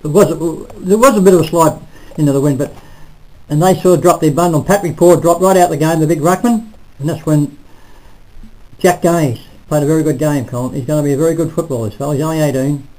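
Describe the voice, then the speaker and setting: An older man reviewing a local football match in casual, halting talk full of restarts, recorded on a close webcam in a small room. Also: a little high, a little mellow, poor audio. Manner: rambling, halting, self-correcting. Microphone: webcam at close range.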